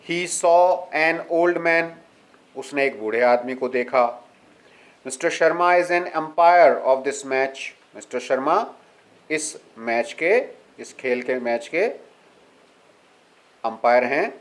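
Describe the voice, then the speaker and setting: Slow, patient male teacher. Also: mid-range voice, rough recording. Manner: patient, reads English examples slowly then explains. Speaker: English grammar teacher. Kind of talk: explaining a lesson.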